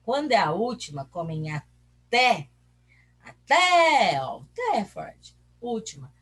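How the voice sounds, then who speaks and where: A woman's voice: medium pitch, sing-song, measured pace, slightly rough. A Brazilian woman teacher explaining a lesson, asking her own questions and answering them while stretching out syllables. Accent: Brazilian Portuguese. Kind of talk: recorded class lesson.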